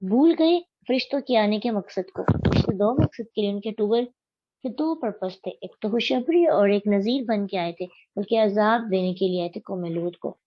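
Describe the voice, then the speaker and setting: A woman's voice: medium pitch, normal speed, no room sound, highs cut off. A woman giving a religious study lecture as a Quran teacher. She recites Arabic verses and explains them step by step, asking her listeners questions.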